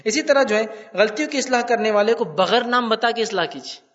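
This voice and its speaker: Man with a high voice preaching a lecture, keeps repeating points, muffled sound from a distant mic. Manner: animated, repeats points, asks listeners rhetorical questions. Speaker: Islamic lecturer. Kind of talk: religious lecture.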